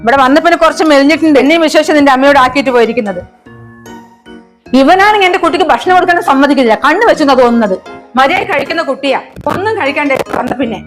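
Fussy fast-talking woman, high voice. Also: animated, faint music behind, poor audio. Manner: fussy, doting, scolding. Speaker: grandmother character. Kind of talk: comedy family sketch acting.

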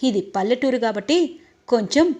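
A woman's voice: fairly high pitch, animated, moderate pace, warm tone. A woman voicing a bossy jealous young woman. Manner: bossy, threatening.

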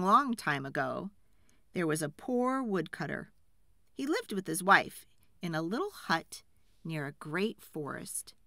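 A woman reads a children's storybook aloud in a slow, sing-song telling. Her bright voice rises and falls widely as she tells the tale. The recording is close and dry. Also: lowish voice, no room sound. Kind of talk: read-aloud storybook narration.

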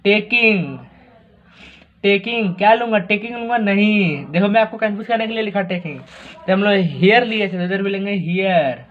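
A man's voice: sits high, normal speed. A man teaching math, talking through each step in a chatty way and asking the class rhetorical questions. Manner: chatty, asks rhetorical questions, repeats words. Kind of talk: explaining math steps on a board. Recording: tinny phone-like audio.

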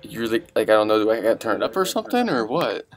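Give me a low-voiced, out-of-breath man rambling casually on a webcam chat. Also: very animated, fast. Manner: laid-back, rambling. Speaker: video creator. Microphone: webcam over video chat.

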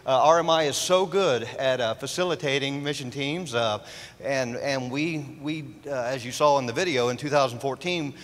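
A middle-aged man speaking to the congregation from a large church stage, halting with many fillers. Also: medium pitch. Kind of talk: church testimony. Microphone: handheld mic. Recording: long reverb of a large church.

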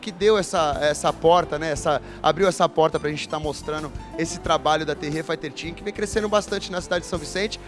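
A man's voice: fairly high pitch, a little fast, few pauses. A man who coaches a youth fight team, talking enthusiastically and casually at an event, with music behind. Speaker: martial arts coach. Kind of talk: on-camera statement at an event. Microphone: handheld mic.

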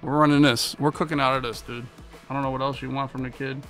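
Bright-voiced American man griping while gaming. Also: medium pitch, flat delivery, fast, faint music behind. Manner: frustrated, profane griping. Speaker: video game streamer. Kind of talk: live gameplay commentary. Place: small indoor streaming room with monitors.

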